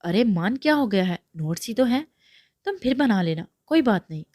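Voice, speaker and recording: A woman voicing a gentle elder brother. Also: mid-range voice, very animated, no echo, clean studio sound. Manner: soothing, affectionate.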